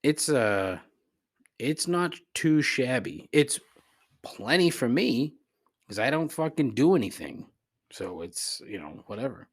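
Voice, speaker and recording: With a mid-range voice that's very animated yet slow-paced, a man hosts a podcast where he answers voicemails. He rambles casually, cursing and griping as he talks back to listeners.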